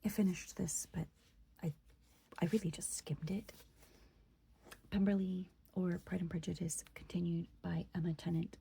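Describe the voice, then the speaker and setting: A woman's voice: fairly low pitch, level tone, moderate pace, vocal fry, pauses often, slight background noise. A woman whispering a late-night update about her reading in a book vlog. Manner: whispering, hushed. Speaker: book vlogger.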